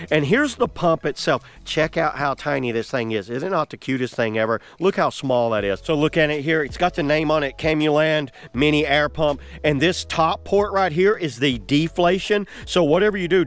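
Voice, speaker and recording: A man's voice: fairly high pitch, fairly bright tone. A man filming his own hands-on gear demo outdoors on grass, chatty and enthusiastic, full of "like" fillers. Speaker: product reviewer. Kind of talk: casual hands-on product demo.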